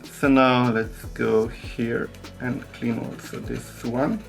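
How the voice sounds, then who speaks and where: A man with a thick foreign accent, a non-native English speaker, narrating a hands-on tutorial in simple, halting phrases as he searches for words. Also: mid-range voice, steady tone, creaky, soft background music. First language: not English. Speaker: repair tutorial host.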